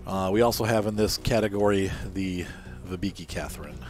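Low-voiced male gameplay reviewer, casual and meandering, corrects himself often, home desk mic. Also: normal speed, darkish tone. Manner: rambling, self-correcting, often apologizing. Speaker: game reviewer.

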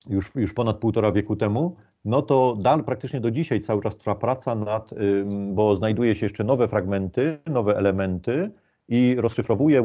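A man's voice: fairly low pitch, dark tone, lo-fi sound. A man giving an informal lecture, explaining step by step with many fillers and restarts.

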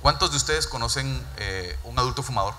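Bright-voiced man giving a stage keynote. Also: medium pitch, animated, brisk, a little hiss or hum. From Guatemala. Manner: earnest, repeats words while building points. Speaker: corporate speaker. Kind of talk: conference keynote talk. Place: large dark event stage. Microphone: handheld mic. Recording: reverberant stage hall.

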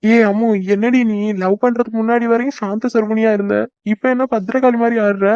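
A man's voice: high-pitched, steady tone, brisk, a little mellow, clear, resonant tone, no room sound, lo-fi sound, natural voice. A young man voicing a teasing, devoted boyfriend in a cartoon, coaxing and joking. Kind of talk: cartoon voice acting.

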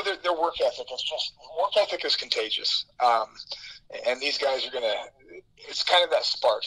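A man's voice: medium pitch, bright, forceful tone. A man coaching college wrestling, talking upbeat over the phone, with many fillers and repeated words. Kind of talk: phone interview. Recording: tinny phone line.

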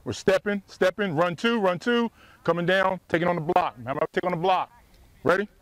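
A middle-aged man coaching football drills outdoors, yelling short, repeated commands from the sidelines. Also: sits high, a little fast, no echo, rough recording. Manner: clipped, repetitive commands. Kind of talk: drill instructions on the practice field.

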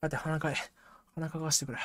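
A woman streamer talking to herself through a tense match in rough, slangy, excitable speech. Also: low voice, fast. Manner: jumpy, excitable self-talk, rough slangy speech, frequent laughs. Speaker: game streamer. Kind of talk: live gameplay commentary.

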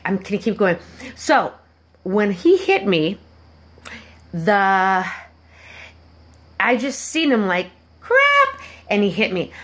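A vlogger with a medium-pitched voice tells her viewers a personal story, halting and rambling with many restarts and asides. She turns animated whenever she acts out the people she quotes.

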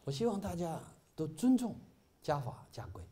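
A man's voice: on the high side, sing-song, normal speed, dark tone. A middle-aged man giving an informal Buddhist talk to fellow volunteers, full of "ah" fillers and rising to emphatic peaks. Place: bookstore meeting hall.

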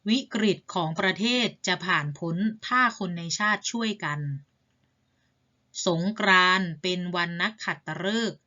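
Lady teacher explaining a reading lesson to little kids, patient and polite, low-ish bright voice. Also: unhurried, highs cut off. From Thailand. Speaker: primary school teacher.

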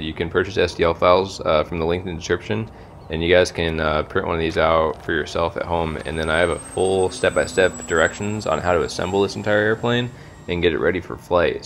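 Deep-voiced man, casual voice-over. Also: slight background noise. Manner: relaxed, many filler uhs. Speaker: RC hobby channel host.

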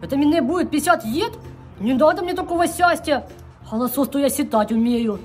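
A man voicing a cheeky, naive six-year-old boy with a childish lisp in a comedy sketch, his voice pitched up. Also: animated, brisk, darkish tone, soft background music. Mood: naive, chatty.

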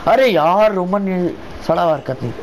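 Calling a wrestling video game move by move, a slightly high-voiced man sounds excited and informal, like a casual wrestling commentator fond of repeating short phrases. His pace is normal, and the rough recording carries faint noise behind him.

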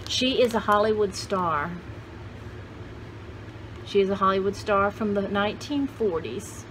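Here an older woman of about sixty-something speaks in a mid-range voice, relaxed and conversational, musing aloud as she presents her vintage haul finds. The camera records her in a small room full of cluttered shelves, with some background noise.

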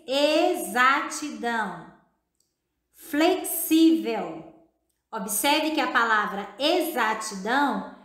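A Brazilian woman teacher with a high voice talks slowly and patiently, addressing the child directly in a recorded video lesson. She has a Brazilian Portuguese accent and spells out words syllable by syllable. The sound is echoey, as in a bare room. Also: bright, forceful tone.

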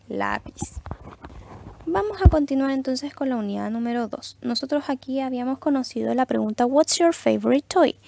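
Woman teaching English to small kids, fairly high and gravelly, stretches out the English phrases. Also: dark tone, no echo. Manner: slow, exaggerated English model phrases between Spanish explanations. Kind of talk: recorded lesson for first graders.

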